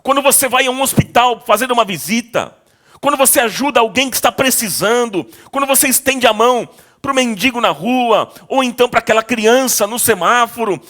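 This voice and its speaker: High-voiced pastor preaching a sermon. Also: male voice. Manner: swings between loud exhortation and quiet storytelling. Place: church.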